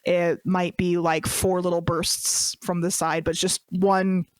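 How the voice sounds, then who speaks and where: A woman's voice: fairly low pitch, level tone, unhurried, slight background noise. A woman from Minnesota co-hosting a casual podcast, chatting through lists with fillers like "um". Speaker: podcast co-host.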